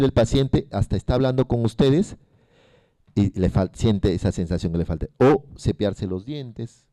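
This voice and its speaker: A man's voice: medium pitch, warm tone, no echo. A man giving a medical lecture to a class, asking the students questions and repeating the key terms. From Peru.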